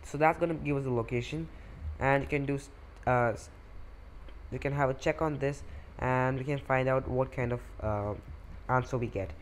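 A man's voice: medium pitch, steady tone, moderate pace, a little hiss or hum. A man hosting a coding tutorial, walking through code step by step with occasional fillers over a screen recording.

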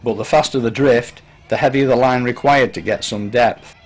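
A man giving scripted voice-over narration for an angling film, measured and instructive. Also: mid-range voice, over music, rough recording. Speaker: documentary narrator.

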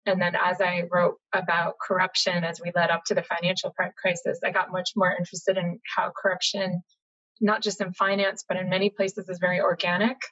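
A middle-aged American woman, a journalist guest, telling her story in a chatty, animated way over a video call from home. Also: lowish voice, a little fast. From United States, Boston area. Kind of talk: casual interview conversation. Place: home room, indoors. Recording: slightly dull lo-fi video call audio.

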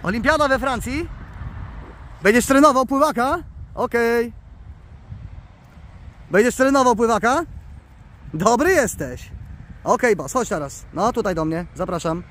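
A man vlogging outdoors by the water, excitedly coaxing his pet bird and calling its name. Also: extremely high pitch, unhurried, pauses often, a little hiss or hum. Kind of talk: casual outdoor vlog.

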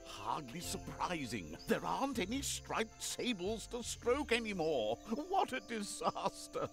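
A man's voice: high voice, very animated, a little slow, full character voice. An actor playing a fussy, melodramatic male citizen in a video game, complaining. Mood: aggrieved. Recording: game audio with clear background music.

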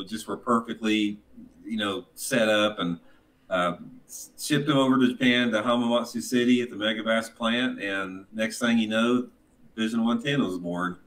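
Middle-aged guy on a video call, lowish voice, laid back and halting. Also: a bit bright, rough recording. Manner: easygoing, halting storytelling. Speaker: guest. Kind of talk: casual live-stream chat.

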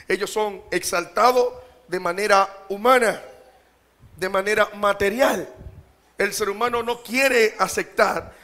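A man preaching a sermon to his congregation, animated and joking, calling out rhetorical questions and laughing often. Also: high voice. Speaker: pastor.

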